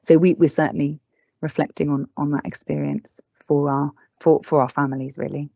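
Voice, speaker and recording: A woman's voice: sits low, flat delivery, moderate pace, gravelly, mellow, dry recording. A woman presenting at an online learning event, answering questions earnestly and candidly. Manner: earnest, candid, emphatic about staff and families. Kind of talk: webinar presentation and Q&A. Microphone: video call. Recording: dull, dry lo-fi call audio.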